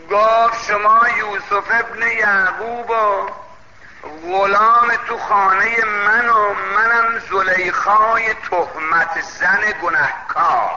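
A man preaching a sermon and telling a story, calling out loudly and then dropping to low asides. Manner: declamatory, swings between loud calls and low asides. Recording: dull lo-fi, long hall reverb, faint noise.

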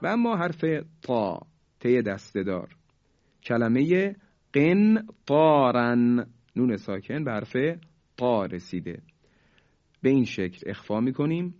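A man teaching Quran recitation rules. He explains quickly, then recites each example slowly and drawn out. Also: mid-range voice, big pitch swings, a little mellow. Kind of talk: tajweed lesson. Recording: dull lo-fi recording.

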